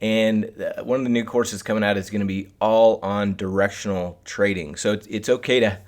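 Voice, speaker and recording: A man's voice: lowish voice, fairly even intonation, normal speed. A man hosting a live instructional webcast in a casual style, addressing his viewers directly. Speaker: host of a live trading webcast.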